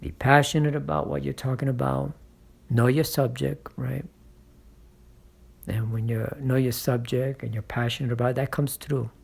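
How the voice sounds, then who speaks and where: A man coaches public speaking on his own channel, encouraging listeners from experience and peppering his talk with "right?" and "okay?" His mid-range voice barely moves in pitch and runs at a normal speed, sounding gravelly, husky, and a little mellow.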